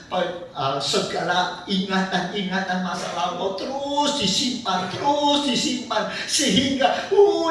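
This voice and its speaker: A man's voice: high-pitched, a bit bright, a little hiss or hum. A man pastor, preaching a sermon as a storyteller, asking the congregation rhetorical questions. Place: church sanctuary, indoors. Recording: echoey church hall, mic at a distance.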